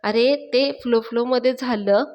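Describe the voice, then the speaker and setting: Woman reading as a quick-tempered, boastful young liar, taunting and defensive, fairly high voice. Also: steady tone, highs cut off, slight background noise, close to an everyday voice. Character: boastful, hot-tempered young man who lies easily.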